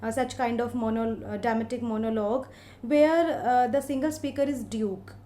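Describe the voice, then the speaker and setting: High-voiced woman giving a literature lecture. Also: steady tone, mellow. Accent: Indian English. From India. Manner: explains slowly with many "uh" fillers. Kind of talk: recorded lecture.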